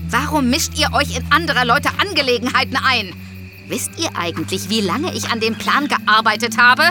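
A woman's voice: on the high side, moderate pace, music in the background, natural voice. A woman playing a scheming, mocking and threatening criminal in a children's audio drama, with theatrical delivery. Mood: menacing, annoyed. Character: scheming, menacing female criminal, annoyed and boastful.

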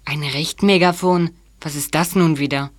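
A man's voice: a little high, fairly even intonation, moderate pace, lightly acted. A male actor as a cheeky teenage boy sidekick. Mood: eager. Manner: casual, teasing. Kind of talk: German children's detective audio drama acting.

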